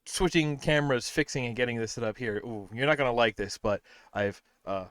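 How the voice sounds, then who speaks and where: A man's voice: mid-range voice, fairly quick, fairly bright tone, smooth, no room sound, studio quality. Tired, rambling man streaming games. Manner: rambling, self-deprecating, many fillers. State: tired, out of breath. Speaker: streamer host. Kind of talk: casual livestream chat.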